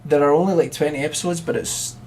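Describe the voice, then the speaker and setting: A man's voice: a little high, fairly even intonation, quick pace, darkish tone, slight background noise. A young man co-hosting a podcast, chatting casually and rambling with lots of fillers and laughs. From Scotland. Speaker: podcast co-host. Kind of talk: casual chat.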